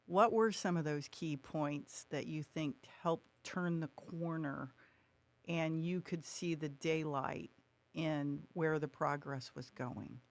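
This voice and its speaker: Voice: medium pitch, takes it slowly, dry recording. A podcast host asking long, winding questions of guests in an interview.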